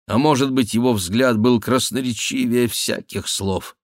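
A man narrating a classic novel as an audiobook, in a measured, even reading. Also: mid-range voice, dry recording, clean studio sound. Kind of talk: scripted literary narration.

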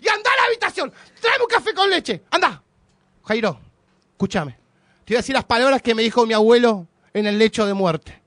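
A man as a blustering, exasperated Argentine father in a radio comedy sketch. His high-pitched voice yells and scolds over a dry, close sound. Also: big pitch swings, fast, few pauses, dry recording, heavily acted. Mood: scolding. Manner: blustering, yelling. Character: exasperated middle-aged father scolding his lazy son.

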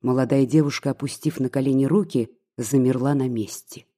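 A reader narrating a classic novel in a measured, steady way. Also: medium pitch. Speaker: audiobook reader. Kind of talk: literary audiobook narration.

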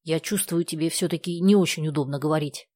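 A woman voicing an excited teenage boy who talks quickly and confidingly in a storybook reading. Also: sits low.

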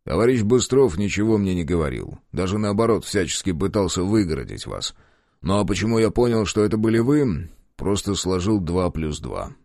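A man voicing a calm, weary police chief who speaks slowly and measuredly. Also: low-pitched, no echo, studio quality.

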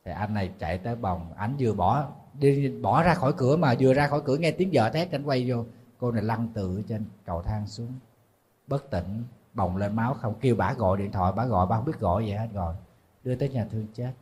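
A man who is a Buddhist monk with a Southern Vietnamese accent, telling a story in a relaxed, conversational sermon and calling himself "thầy". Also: on the low side, a little fast, breathy edge. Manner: conversational, refers to himself as "thầy", laughs at his own slips. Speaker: Buddhist monk giving a dharma talk.

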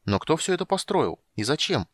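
An excitable little kender adventurer, eager and breathless with wonder, voiced by a man. The voice sits well above the reader's own and leaps about in lively swoops. It is a storybook figure, heard in a dry, close recording. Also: a little high, brisk, no room sound, pitched above the performer's own voice. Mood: excited. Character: small curious excitable male kender adventurer.

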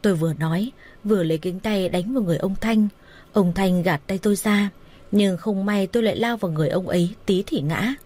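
A woman's voice: mid-range voice, a little fast, a little mellow. Woman narrating a dramatic story.

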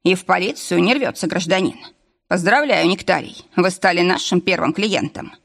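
Brief: woman reading a brisk, businesslike young male sleuth, little change from her own voice, audiobook. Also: fairly low pitch, vocal fry.

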